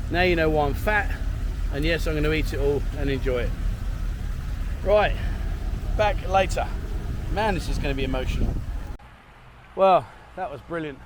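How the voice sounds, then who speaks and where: A man's voice: on the high side, moderate pace, pauses often, noisy background. Chatty man vlogging at a cafe. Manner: chatty and rambling, laughs at his own slips. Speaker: travel vlogger. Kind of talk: casual vlog chat to camera. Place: cafe in Thailand, partly outdoors.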